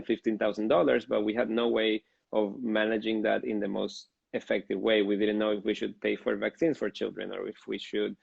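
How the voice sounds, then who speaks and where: A man in his thirties from Venezuela, a fertility doctor answering interview questions in a thoughtful, measured way. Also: on the low side, creaky, a little mellow, dry recording, muffled recording. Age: 30s. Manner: thoughtful, measured explaining with fillers.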